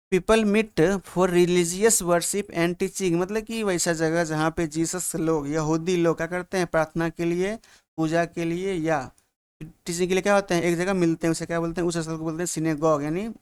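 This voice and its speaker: A man with a high, smooth, resonant voice, recorded close and dry with no room sound. He teaches vocabulary for exam prep and keeps asking the class questions that he answers himself. He drags out the English definitions word by word. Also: no room sound. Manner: asks the class questions and answers them himself, repeating terms.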